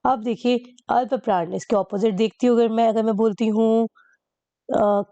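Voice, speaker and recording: A woman's voice: a little high, fairly even intonation, fairly quick, dark tone, no echo, dull audio. A woman teacher patiently explaining a lesson, repeating key points and asking rhetorical questions.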